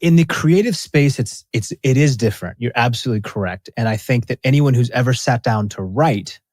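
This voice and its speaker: A man's voice: medium pitch, animated, brisk, a little mellow, dry recording, studio quality. A man speaking as a podcast guest about his years as a racing athlete, earnest and emphatic, often restarting his sentences. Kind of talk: casual interview conversation.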